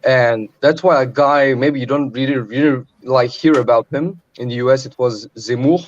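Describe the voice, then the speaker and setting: A man from Serbia joins a webcam call and talks politics at a middling pitch. He rambles, piling up fillers and restarting his sentences. His audio sounds dull and muffled, like a cheap call. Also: steady tone, moderate pace, slight background noise. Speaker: open mic call-in participant. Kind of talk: casual political discussion. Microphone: webcam video call.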